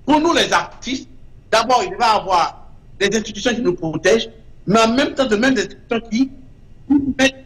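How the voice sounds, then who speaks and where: A man's voice: very high-pitched, lively intonation, a little fast, fairly bright tone. A man, a guest artist in an interview, speaking with emphasis and repeating short verdicts. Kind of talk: impassioned interview talk.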